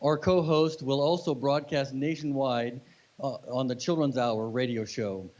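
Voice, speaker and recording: A man's voice: mid-range voice, fairly even intonation, a little slow, a little mellow, highs cut off. A man who hosts an event, talking informally and repeating words as he goes. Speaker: event organiser and host. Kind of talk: informal interview and event talk. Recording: clear background noise and hiss.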